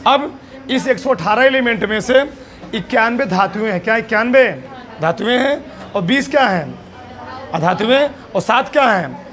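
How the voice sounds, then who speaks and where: Male teacher, very high bright voice, drills students by asking and answering, faint crowd behind. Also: expressive, normal speed. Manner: quizzing, asks then answers his own questions; emphatic, drills answers by repetition. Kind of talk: classroom lecture.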